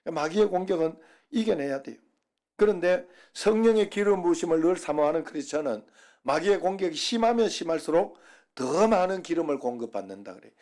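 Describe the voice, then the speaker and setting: A middle-aged pastor delivers a Sunday sermon in a slightly mellow, somewhat high male voice. He's folksy and funny, telling the congregation jokes in dialect.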